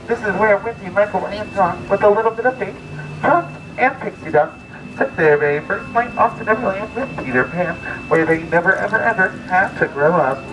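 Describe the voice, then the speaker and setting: A high-pitched man guides a boat ride outdoors, narrating a scripted storytelling tour and drawing out key words with theatrical emphasis. It's a distant amateur recording, noisy with loud background music and the ambience of the ride.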